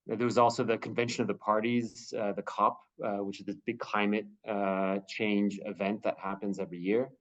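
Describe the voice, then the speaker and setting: A man acting as a humanitarian spokesperson answers questions on a video call, halting often with fillers and restarts. His voice is on the low side and flat, and the recording sounds muffled.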